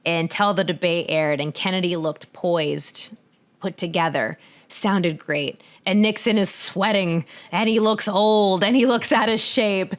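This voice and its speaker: A woman in her thirties co-hosting a podcast, explaining things in a chatty, casual way, laughing often and getting animated when she quotes people. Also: on the low side, measured pace. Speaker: podcast co-host.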